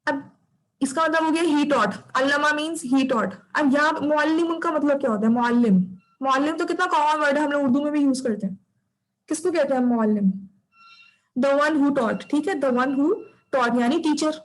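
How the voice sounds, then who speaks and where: A woman's voice: high voice, normal speed, low-quality recording. A woman teaching Arabic grammar in an online class. She repeats each term patiently and checks that students follow.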